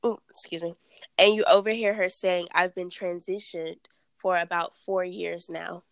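A woman hosting a casual chat, reading dating scenarios aloud at a slow, deliberate pace and laughing often. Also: on the low side, flat delivery, gravelly, dry recording. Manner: reads questions slowly, laughs often.

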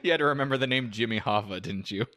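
A man's voice: mid-range voice, racing, dry recording, studio quality. A man co-hosting a comedy podcast, reading news stories aloud and laughing through them in casual chat. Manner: animated, laughs while reading out quotes. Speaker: podcast co-host.

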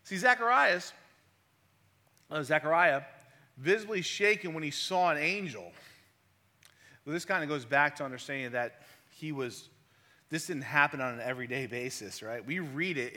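A man delivers a sermon in a bright, forward voice, talking to his listeners casually and asking them rhetorical questions. His voice rings out with the long reverb of a large hall. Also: fairly high pitch, moderate pace. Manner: conversational, asks the audience rhetorical questions. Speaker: preacher.

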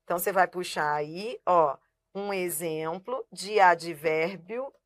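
A woman's voice: lowish voice, slow pace. A woman teaching a live online grammar class. She asks herself rhetorical questions, answers them at once, and keeps checking that the viewer is following while she writes on a board. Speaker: Portuguese teacher.

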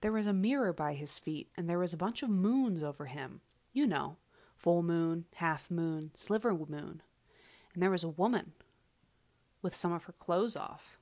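A woman presents a solo podcast in a slightly low voice. Her delivery is measured and deliberate, with pauses for effect. The recording has an echo, as if made away from a proper studio setup. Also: expressive, a little mellow. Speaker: podcast host. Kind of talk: podcast monologue, book commentary. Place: away from usual podcast setup, echoey room. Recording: echoey makeshift recording space.

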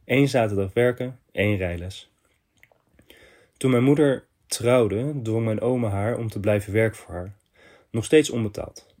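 A man hosting a podcast, reading a listener's confession letter aloud in short, measured phrases. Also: mid-range voice, darkish tone.

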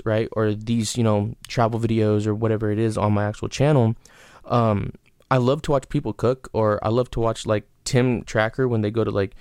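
Here a podcast host with a smooth, darkish, mid-range voice offers blunt, wandering advice on his own casual solo show, peppered with fillers, restarts, and offhand swearing. He has the hiccups, and the clean studio recording has no echo.

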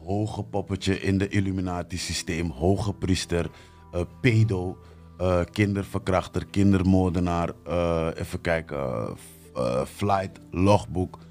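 A man's voice: sits low, measured pace, darkish tone, faint music behind. A man talking as a podcast guest in casual chat, insistent, often cutting in with repeated calls to listen. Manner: insistent, talks over the host.

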